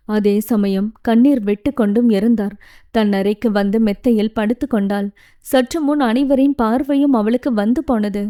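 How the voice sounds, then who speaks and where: A woman narrating a novel for an audiobook in a calm, steady reading voice. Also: a little high.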